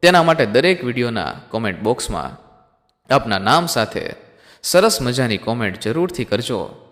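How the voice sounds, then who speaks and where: Expressive male storyteller with room echo. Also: mid-range voice, moderate pace. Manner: dramatic, addresses listeners as friends. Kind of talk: emotional story narration.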